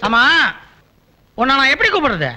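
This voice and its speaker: A man's voice: very high-pitched, wildly swooping pitch, normal speed, bright, forceful tone, slight background noise. A man acting in a Tamil film comedy scene, cheeky and wisecracking.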